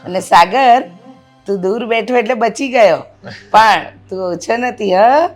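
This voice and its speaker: A woman's voice: medium pitch, slow pace, faint music behind, lightly acted. A woman acting an elder sister in a family drama, teasing and affectionate with her brothers.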